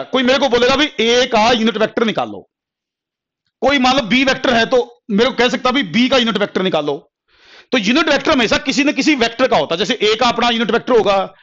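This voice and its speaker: A man's voice: high-pitched, a bit bright. A man teaching a physics class as a classroom lecture, repeating each point and explaining step by step. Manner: repetitive, explains step by step, calls students "beta". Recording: dull lo-fi recording.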